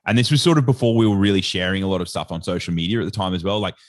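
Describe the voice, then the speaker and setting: An Australian sports nutritionist, guesting on a podcast, talks rapid-fire in a low-sitting voice. He rambles casually as a storyteller, leaning heavily on "like" and "sort of." The sound is clean studio audio with no room sound.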